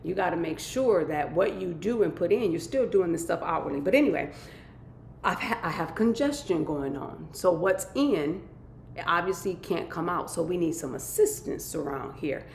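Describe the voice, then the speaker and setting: A woman with a somewhat low, congested voice chats upbeat and casual through a live stream, leaning on catchphrases. She sounds a little nasal. The room is echoey, with a faint rumble underneath. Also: expressive, moderate pace, gravelly. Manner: upbeat, chatty, repeats catchphrases. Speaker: vlogger hosting a weekly live stream.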